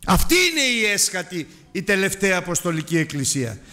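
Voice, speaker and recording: A man's voice: sits high, sing-song, bright, forceful tone. A man preaching a Sunday sermon, emphatic, asking rhetorical questions and drawing out key words.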